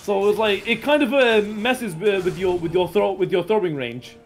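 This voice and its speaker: A man doing live fighting-game commentary, excitable and joking, with rambling explanations. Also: high-pitched, moderate pace, soft background music. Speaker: esports commentator.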